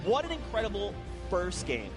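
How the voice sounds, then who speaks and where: A man casting a live esports match from an arena desk, excitable and shouting at big plays, his voice going hoarse. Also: sits high, moderate pace, music in the background. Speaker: esports caster.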